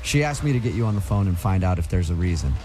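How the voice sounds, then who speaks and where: A man's voice: low-pitched, expressive, fast talker, a little mellow, soft background music. A man hosting a morning radio show with casual, teasing, joking talk.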